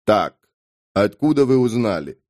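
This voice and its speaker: A wary high mage from an audiobook speaks low and guarded in short, clipped lines, as a male reader puts him on. The voice sits below the reader's usual pitch and is recorded dry and close. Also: big pitch swings, measured pace, a little mellow, dry recording.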